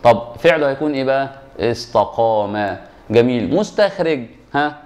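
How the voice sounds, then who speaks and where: A man's voice: mid-range voice, expressive, fast talker, a little mellow. A man with an Egyptian accent teaching an exam review lesson, asking and answering his own questions and repeating the key rules. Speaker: Arabic grammar teacher.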